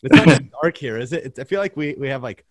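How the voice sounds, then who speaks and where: A man hosting a casual podcast, joking and animated as he talks over a video call. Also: medium pitch, fast, no room sound. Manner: animated, joking, sings the intro. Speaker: podcast host.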